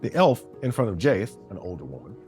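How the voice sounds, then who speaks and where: A man narrating a fantasy story in a steady, descriptive way. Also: fairly low pitch, fairly quick, faint music behind.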